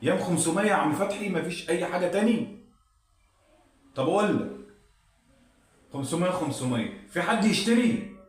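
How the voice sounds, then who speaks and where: A man's voice: high-pitched, lively intonation, fairly quick, pauses often. A man with an Egyptian accent playing a desperate male gambler who bets away his house. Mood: pleading. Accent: Egyptian Arabic. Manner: pleading, then frantic. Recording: roomy, distant mic.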